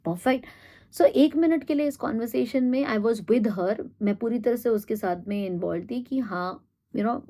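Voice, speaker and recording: A woman giving a reflective monologue, thinking aloud with pauses and fillers and mixing in English phrases. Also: a little high, warm tone. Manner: thoughtful, pauses with fillers, mixes Hindi and English. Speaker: host.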